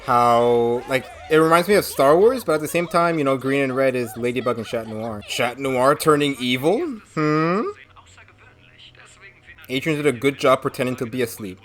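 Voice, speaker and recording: A woman giving casual, expressive reaction commentary as the host of a video, often exclaiming. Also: extremely low pitch, moderate pace.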